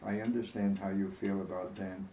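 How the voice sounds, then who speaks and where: Man as thoughtful male veteran, storybook reading, gentle, slightly dark voice, echoey. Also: low voice, level tone, moderate pace, natural voice. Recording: roomy echo, faint background noise.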